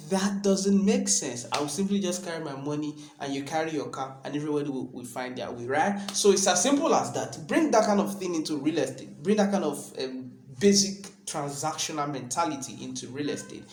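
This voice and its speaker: A man's voice: on the high side, lively intonation, brisk, few pauses, a little mellow, roomy sound, a little hiss or hum. A Nigerian man explaining real estate advice in an earnest video talk. He often repeats words and ends points with "right?".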